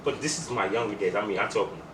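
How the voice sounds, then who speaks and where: Speaking fast in a lowish voice, a man co-hosts a podcast full of casual conversation and storytelling. He leans on slang, stresses his points and repeats himself often, heard through a distant mic in a spacious, echoey room with clear noise.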